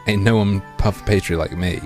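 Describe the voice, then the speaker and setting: A man livestreaming through a headset mic, reading a game aloud and joking crudely with his chat in a deadpan way. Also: fairly low pitch, normal speed, soft background music.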